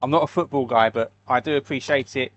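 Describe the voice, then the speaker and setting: A man's voice: mid-range voice, fast, no echo, muffled recording. A man hosting a live stream, chatting casually and answering viewer comments while he makes fishing lures. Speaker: livestream host making fishing lures.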